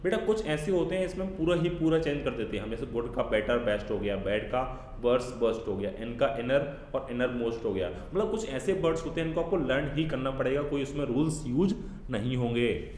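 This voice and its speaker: A male school teacher with an Indian English accent, explaining a grammar lesson to children and reading English rules aloud slowly. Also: mid-range voice, darkish tone, slight background noise. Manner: addresses pupils as children, fatherly. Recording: echoey room with long reverb.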